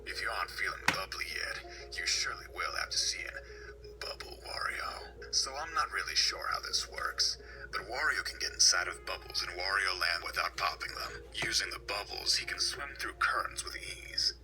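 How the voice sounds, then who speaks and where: A man with a very low voice narrates in a breathy, mock-sultry whisper, keeping a deadpan tone. Loud music plays behind his voice-over. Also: normal speed. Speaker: video narrator. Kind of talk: mock-seductive whispered countdown. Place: home.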